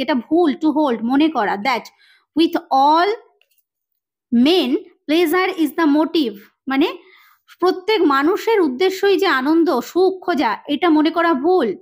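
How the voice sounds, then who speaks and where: A woman teacher with a Bengali accent, explaining a text line by line. She reads each English line slowly, then explains it quickly. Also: high-pitched.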